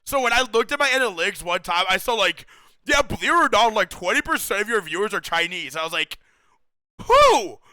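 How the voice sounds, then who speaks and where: A young man chatting casually with his stream viewers, excitable and slangy, saying "bro" a lot and laughing often. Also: high-pitched, fast talker, no echo.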